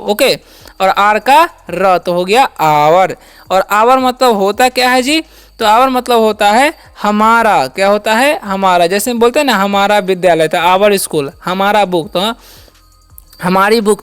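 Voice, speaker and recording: An English teacher giving a slow spelling and pronunciation lesson, asking questions and answering them to drill each word. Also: mid-range voice, a bit bright, clean tone. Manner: spells words letter by letter slowly.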